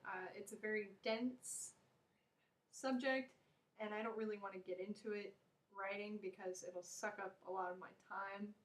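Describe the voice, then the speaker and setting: Blunt American woman ranting casually. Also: low-quality recording. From United States. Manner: blunt, opinionated, rambling with restarts. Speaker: vlogger. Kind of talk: casual opinion rant to camera. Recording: low-volume home recording.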